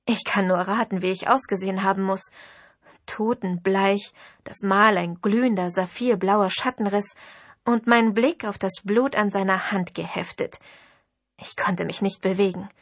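Husky woman reading a novel. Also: mid-range voice, fairly even intonation, unhurried, no echo. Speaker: audiobook narrator. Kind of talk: first-person novel narration.

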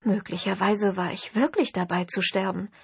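Woman reading a first-person novel, husky voice, dry close recording. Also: medium pitch, normal speed, no room sound. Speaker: audiobook narrator.

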